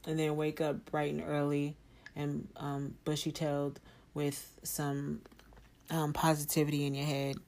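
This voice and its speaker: Low-pitched woman just rambling on her podcast, cussing, chill, candy in her mouth. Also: monotone, measured pace, a little mellow. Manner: rambling, profane, laid-back. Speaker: podcast host. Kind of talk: casual solo podcast chat.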